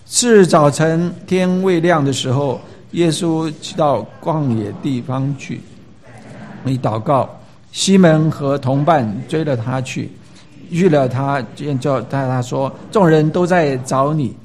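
A man preaching a sermon, reading scripture aloud and praying, stressing words and often pausing with hesitations. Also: fairly high pitch, darkish tone. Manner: emphatic, rising for stress, with frequent filler hesitations. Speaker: pastor.

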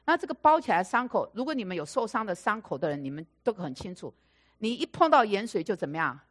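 A woman with a mid-range voice and quick pace preaches a storytelling sermon. She is an animated storyteller who repeats phrases for emphasis and acts out the quoted dialogue.

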